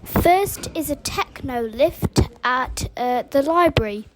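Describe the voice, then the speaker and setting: A woman's voice: high voice, expressive, slow pace, background noise. A woman hosting a casual video tour, giving simple, factual commentary in short statements. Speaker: video host. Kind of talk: casual narrated lift tour. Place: inside lifts in public buildings.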